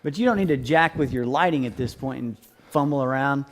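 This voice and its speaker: A man's voice: mid-range voice, brisk. A man acting as co-host in a photo studio, asking a photographer questions in a blunt, casual way.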